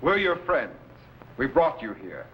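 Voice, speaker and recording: A man's voice: mid-range voice, very animated, a little slow. A man playing an authoritative, reassuring scientist captain in earnest 1950s children's sci-fi acting. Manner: earnest, commanding, declamatory. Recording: dull, hissy vintage programme soundtrack.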